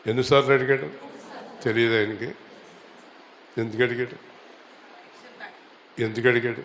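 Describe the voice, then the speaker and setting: Male pastor, mid-pitched voice, preaching in a roomy church hall with faint ambience behind. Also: steady tone, moderate pace, a little hiss or hum. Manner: asks the congregation questions and has them repeat lines; rising to loud, high exhortation. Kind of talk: Telugu church sermon.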